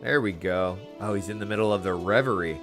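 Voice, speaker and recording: Low-voiced man chatting over a game. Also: a little fast, over music. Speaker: game streamer. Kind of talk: casual live gameplay commentary.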